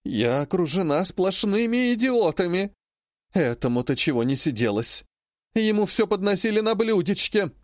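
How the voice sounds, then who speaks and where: A man's voice: high-pitched, sing-song, normal speed, no room sound, studio quality, pitched above the performer's own voice. A man reading an audiobook, voicing a shrewd, indignant old woman, a great-grandmother and healer who laments dramatically. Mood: lamenting.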